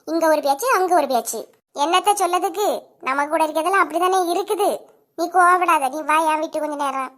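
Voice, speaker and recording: A woman voicing quarrelling village women in a cartoon comedy, sharp and scolding, with a Kanyakumari Tamil accent. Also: extremely high pitch. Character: bickering village women neighbours, quick-tempered.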